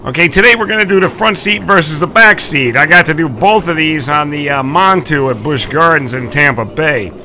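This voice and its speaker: Bright-voiced man, casual vlog over background noise. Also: a little high, moderate pace, hardly any pauses. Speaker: vlog host.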